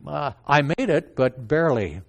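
An older man from the Netherlands with a Dutch accent, a native Dutch speaker, giving a halting personal testimony sermon with many restarts. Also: fairly high pitch, lively intonation, creaky. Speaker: preacher.

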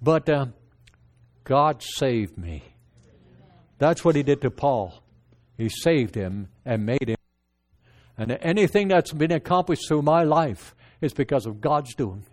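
Older Dutch man, native Dutch speaker, English with a Dutch accent; preaching personal testimony, halting, lots of restarts and fillers. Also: medium pitch, expressive, darkish tone. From Netherlands.

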